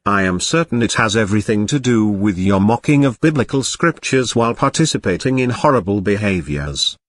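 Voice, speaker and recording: A man's voice: lowish voice, animated, brisk, no echo. A man voicing a prim robot cat. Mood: dry. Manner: formal, dry and disapproving. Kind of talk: scripted commentary over clips.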